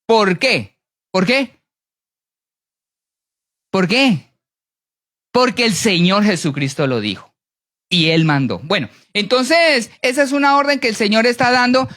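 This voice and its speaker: A preacher giving a sermon, animated, often asking the congregation to answer yes or no. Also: moderate pace. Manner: animated, with big swings in pitch and pace.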